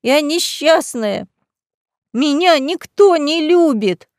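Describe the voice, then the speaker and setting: A woman's voice: expressive, slow pace, a little mellow, no room sound, studio quality, exaggerated voice. A woman voicing a drunk, tearful, spiteful middle-aged female administrator in a storybook reading. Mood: wailing drunk. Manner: shrill, tearful, wailing.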